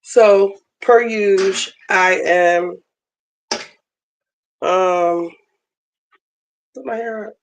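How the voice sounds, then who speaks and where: Hoarse woman chatting on a livestream. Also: medium pitch, steady tone, drawn-out words, pauses often, a little hiss or hum, rough recording. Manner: chatty, multitasking while cooking. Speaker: livestream host. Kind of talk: casual livestream chat. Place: home kitchen, running water. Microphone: phone camera.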